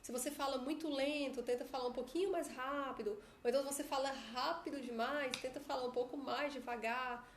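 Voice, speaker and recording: A woman's voice: sits high, fairly even intonation, fairly quick, few pauses, slight background noise. A Brazilian woman with a chatty manner, coaching her followers in a casual live stream on her phone. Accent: Brazilian Portuguese. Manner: chatty, often adds tag questions. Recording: echoey room.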